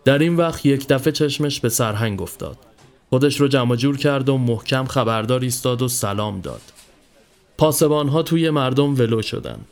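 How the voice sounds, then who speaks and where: A man hosting a podcast, reading a literary short story aloud in steady narration. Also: mid-range voice. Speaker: podcast host.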